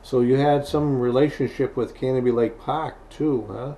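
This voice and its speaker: A man's voice: mid-range voice, steady tone, moderate pace, mellow, rough recording. A man asking casual questions as an interviewer in an informal conversation.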